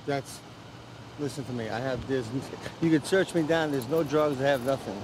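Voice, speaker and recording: A man answering police defensively and casually as a detained driver, with halting, stammered restarts, outdoors at a roadside stop. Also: medium pitch. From United States, apparently New York. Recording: off-mic street audio with vehicle noise.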